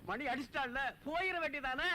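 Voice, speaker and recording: An actor playing a cheeky friend in a comic film, teasing and handing out bold advice. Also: male voice, extremely high pitch, a little fast, sharp tone, a little hiss or hum, exaggerated voice.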